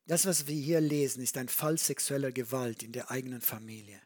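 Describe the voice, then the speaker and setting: A preacher giving a sermon, reading verses aloud and retelling the story with animated commentary. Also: mid-range voice, fairly quick.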